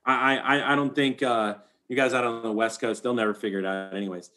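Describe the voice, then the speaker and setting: A middle-aged man, a high school baseball coach, chatting casually on a podcast in an animated, fast way, laughing often.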